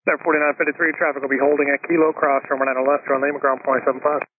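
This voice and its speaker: A man's voice: mid-range voice, flat delivery, racing, husky, no room sound. Male controller for air traffic control radio: rattles off clipped instructions at top speed, tinny channel. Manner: clipped procedural phrasing. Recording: narrowband aviation radio, faint noise, clicks.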